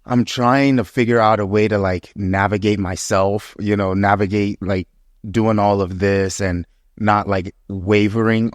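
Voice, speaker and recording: Man, twenties, podcast host, low voice, slangy animated storytelling, dry recording. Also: a little slow, no room sound. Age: 20s. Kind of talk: casual podcast conversation.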